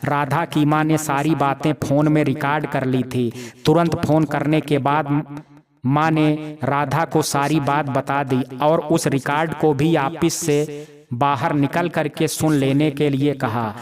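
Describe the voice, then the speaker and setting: A man narrating a sad family drama story in a steady, plain storytelling manner. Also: a little high, slow pace. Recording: crowd noise in background.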